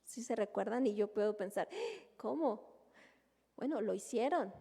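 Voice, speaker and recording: A woman's voice: mid-range voice, normal speed, creaky, mellow, slightly rough. A Mexican woman teaching a women's church group in a conversational way, often asking the listeners to agree. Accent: Mexican Spanish. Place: church hall. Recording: long hall reverb.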